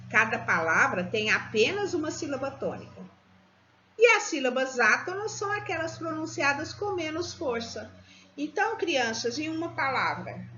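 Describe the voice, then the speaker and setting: A woman teaching young children in a recorded remote lesson, patient and slow as she walks through each example. Her voice is bright and sits a little high. The recording is dull and lo-fi, with faint hiss and room ambience behind her. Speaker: primary school teacher.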